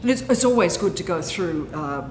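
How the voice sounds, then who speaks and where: A woman's voice: lively intonation, fairly quick. A woman hosting a wine club tasting, chatting with her guest in conversational tasting notes and questions. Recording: very echoey room, clear rumbling noise.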